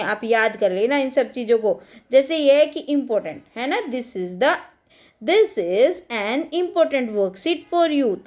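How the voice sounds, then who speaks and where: A woman with a high, light voice explains grammar to schoolchildren. She spells words out letter by letter and keeps checking in with short rhetorical questions. Her delivery is patient and drilling, the way a classroom lesson runs. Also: a little mellow. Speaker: teacher.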